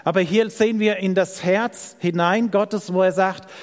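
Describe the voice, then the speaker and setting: A man preaching a sermon, telling a Bible story in an animated way that slows down for emphasis and drops to soft, quiet lines. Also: high-pitched. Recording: long reverb of a large hall.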